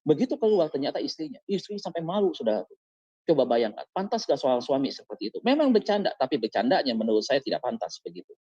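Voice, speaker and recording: A man's voice: on the high side, big pitch swings, quick pace, warm tone, breathy edge, dry recording, dull audio. A man preaching as pastor in an online service, exhorting his listeners and firing questions at them. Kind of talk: sermon over an online service. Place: online service on a video call.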